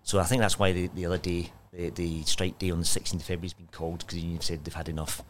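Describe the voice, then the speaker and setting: Deep-voiced Scottish man. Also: flat delivery, quick pace, slight background noise. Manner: plain-spoken, hesitant fillers. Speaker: union member on strike. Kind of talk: casual interview talk.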